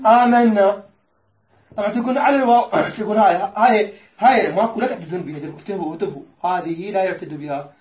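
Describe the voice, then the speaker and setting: A man teaching Quran recitation rules, explaining patiently, asking his students questions and chanting verses slowly. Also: sits high. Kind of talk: tajweed lesson with recited verses. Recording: echoey room, dull lo-fi sound.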